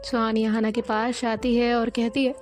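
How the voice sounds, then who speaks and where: A woman with a somewhat high voice narrates a romance story loosely and chattily, falling back on the same fillers repeatedly. Her pitch barely moves, her pace is moderate, and soft music plays behind her.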